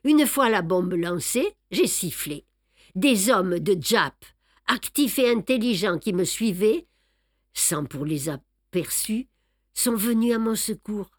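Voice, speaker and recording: A woman's voice: medium pitch, slow, no echo, clean studio sound. A woman reading aloud and voicing a fussy, self-satisfied older male detective who boasts of his clever plans. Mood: boastful. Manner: boastful, explaining, lively emphasis. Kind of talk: audiobook reading.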